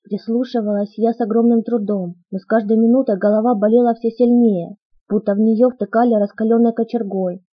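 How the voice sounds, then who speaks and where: Husky woman narrating an audiobook. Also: fairly high pitch, steady tone, fairly quick, no echo, dull audio. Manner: dramatic first-person storytelling.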